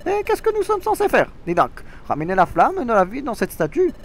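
A man voicing a sly male frog-like creature from a video game, reading its dialogue aloud with a squeaky, jumpy delivery full of exclamations. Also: huge pitch swings, a little fast, slight background noise, exaggerated voice. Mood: excited.

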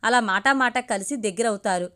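A teasing young college buddy full of chummy banter, read in a storybook reading by a woman with a higher voice. He jokes along with his friend and eggs him on. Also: normal speed, pushed and bright.

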